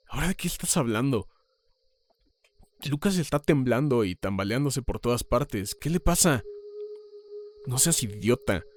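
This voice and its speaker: A man's voice: mid-range voice, slight background noise, close to an everyday voice. A man voicing an angry, exasperated young male hiker scolding a companion in a horror narration. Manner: irritated, confrontational. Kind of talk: acted dialogue in horror narration.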